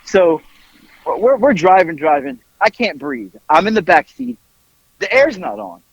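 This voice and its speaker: A man spins a story for his podcast co-host, leaping into shrill yelps when he acts out the people in it. His voice sits high and swings widely. The sound is dull and dry, like a lo-fi home setup. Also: big pitch swings, a little slow, husky, no room sound. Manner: acts out quoted voices with big jumps up into yelps. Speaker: podcast host telling stories. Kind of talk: animated storytelling.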